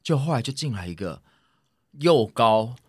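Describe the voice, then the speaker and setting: A man's voice: moderate pace, slightly rough, no room sound, studio quality. A man co-hosting a podcast in casual chat, telling a story animatedly and acting out both sides of the dialogue. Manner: animated storyteller, acts out dialogue with big pitch jumps. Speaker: podcast co-host.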